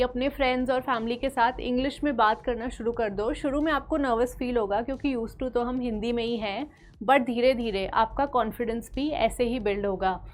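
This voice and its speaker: A woman's voice: on the high side, slight background noise. A woman with an Indian accent teaching spoken English and switching between Hindi and English in an encouraging way.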